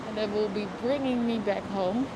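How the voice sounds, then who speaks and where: This livestream host, a Dutch-accented woman with a medium-pitched voice, moves at a moderate pace through city streets, giving casual commentary on a live walking tour. Chatty and responsive, she addresses viewers by name and comments on what she sees. Her lapel mic catches street noise behind her.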